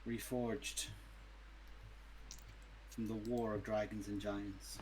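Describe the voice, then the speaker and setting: A man's voice: on the low side, flat delivery, slow pace, darkish tone, a little hiss or hum, poor audio. A man playing a noble warrior king in a tabletop game, speaking formally and solemnly, like a knight at a ceremony. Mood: solemn, regal. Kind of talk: tabletop role-play.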